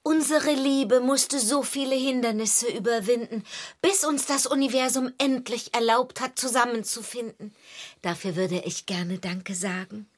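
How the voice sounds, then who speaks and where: A woman's voice: high voice, steady tone, normal speed. A woman playing a dreamy, lovestruck lady in a children's audio play, gushing sweet pet names. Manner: gushing, breathy sweet talk.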